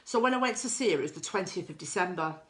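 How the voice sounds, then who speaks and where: Woman, middle-aged, lowish pitch, candid personal testimonial, self-deprecating, restarts and fillers. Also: lively intonation, fast talker, a bit bright. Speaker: client giving a testimonial.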